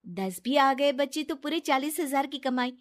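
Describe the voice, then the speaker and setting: A woman voicing a trusting, earnest young wife in an animated storybook, who talks in a reassuring way. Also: sits high, normal speed.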